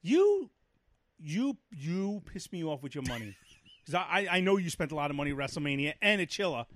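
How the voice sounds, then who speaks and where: Man, middle-aged, podcast co-host, animated profane storytelling, slightly high pitch, dry room. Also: fast, no echo. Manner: animated, profane rant with acted-out quotes. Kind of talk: casual chat, storytelling.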